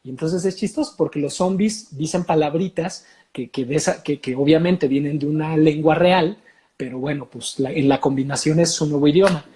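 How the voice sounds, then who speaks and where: A man with a Mexican accent, a voice coach talking in an interview, explaining in an animated way with many filler sounds. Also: a little high, moderate pace. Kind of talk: casual interview talk.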